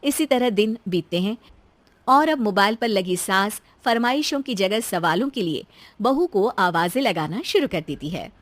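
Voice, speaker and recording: A woman's voice: mid-range voice, lively intonation, a little slow, no room sound. A woman reading scripted narration for a cartoon story.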